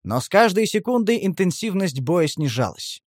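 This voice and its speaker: A man's voice: high-pitched, big pitch swings, moderate pace, dry recording, studio quality. A man giving a tense, driven first-person audiobook narration.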